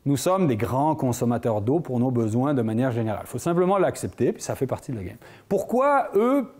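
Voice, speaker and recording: A man from France with a French accent, giving a conference lecture to a live audience. His voice is warm and mellow, at an ordinary middle pitch. He keeps the room engaged, throwing out questions and rising lively on the answers. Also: fast. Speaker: conference speaker.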